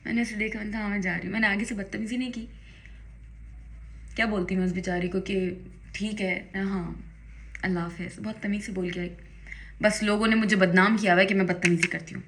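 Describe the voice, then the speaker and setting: A young woman from Pakistan chats into her phone camera as she does her makeup at home. Her voice is bright, and her talk is emphatic, sometimes pushing into indignant bursts. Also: medium pitch, fairly even intonation, brisk, long pauses, a little hiss or hum. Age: young adult. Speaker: vlogger. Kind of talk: casual get-ready-with-me vlog chat.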